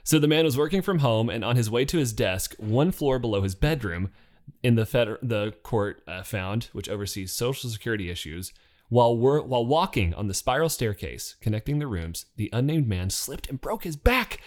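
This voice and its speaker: A man co-hosting a casual news podcast who rambles through the stories with jokes and quick self-corrections. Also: mid-range voice, animated, darkish tone. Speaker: podcast co-host.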